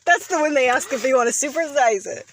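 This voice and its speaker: A woman's voice: sits high, fast, a little hiss or hum. A woman co-hosting a podcast in casual, crude chat, laughing often. She is from Canada and her throat is tickling. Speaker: podcast co-host.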